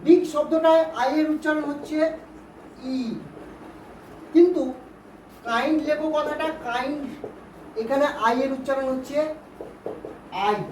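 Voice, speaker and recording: A woman's voice: high-pitched, steady tone, a little slow, pauses often, darkish tone. A woman teaching English vowel sounds to pupils, patiently repeating words and asking questions to check they follow. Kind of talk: Bengali-language grammar lesson. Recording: roomy, distant, faint background hiss.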